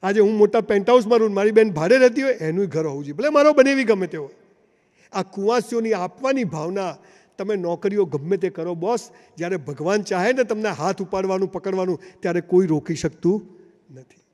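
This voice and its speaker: A man's voice: high-pitched, a little fast, a little mellow. A man giving a motivational speech to a live audience, telling stories with acted dialogue and rising to emphatic calls. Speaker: motivational speaker. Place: large hall, before a seated audience. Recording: long hall reverb.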